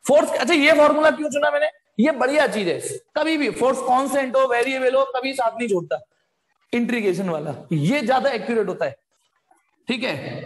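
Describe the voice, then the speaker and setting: A man teaching physics in a live online class, joking and coaxing students to answer quickly. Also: very high voice, reverberant.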